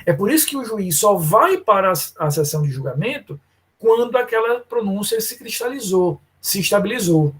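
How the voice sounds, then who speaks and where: Law prof guy lecturing, kinda husky voice, keeps calling on students by name. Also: high-pitched, animated, normal speed. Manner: addresses students by name, explanatory. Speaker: law professor. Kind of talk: live online lecture.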